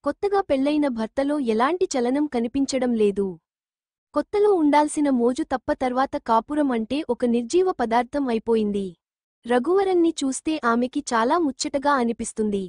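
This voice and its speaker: A woman narrating a written story in a steady reading voice. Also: sits high, no room sound, clean studio sound.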